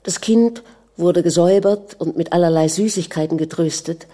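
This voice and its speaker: A woman narrating a literary novel aloud in a calm, measured reading. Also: on the low side. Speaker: audiobook narrator.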